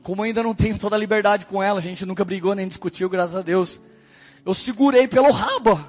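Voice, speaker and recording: A high-pitched, husky male pastor preaching a personal testimony, with faint music under his voice. He tells it in an animated way, bursting into shouts and then dropping low and hushed. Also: fast. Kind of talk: sermon testimony.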